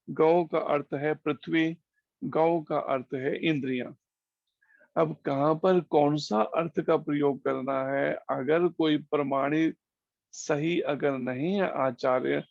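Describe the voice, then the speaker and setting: A man giving a slow, explanatory devotional scripture class over an online call, using homely examples. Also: fairly high pitch, creaky, no room sound, lo-fi sound. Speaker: preacher.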